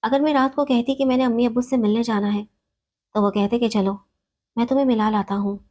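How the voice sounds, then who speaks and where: A woman telling an emotional story in the first person, reading in a steady, sorrowful way. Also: on the high side.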